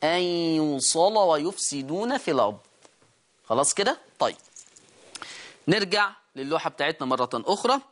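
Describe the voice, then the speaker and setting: A man with an Egyptian accent, a Quran recitation teacher explaining rules in a lesson. He asks his students questions, repeats key words and slows down to sound them out. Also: a little high, big pitch swings, fairly bright tone. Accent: Egyptian Arabic.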